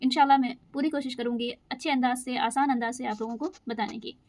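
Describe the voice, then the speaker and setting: A woman teaching Quran recitation rules, patiently explaining each rule and reciting verses slowly. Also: high voice, steady tone, darkish tone, no echo. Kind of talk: step-by-step recitation lesson.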